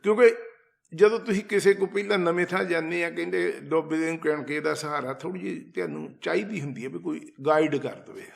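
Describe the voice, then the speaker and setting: A man's voice: fairly high pitch, a little fast, vocal fry. A man telling a personal devotional story in a casual, conversational way, retelling conversations and turning to his listeners with asides. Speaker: storyteller sharing a devotional account. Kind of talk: casual spoken testimony.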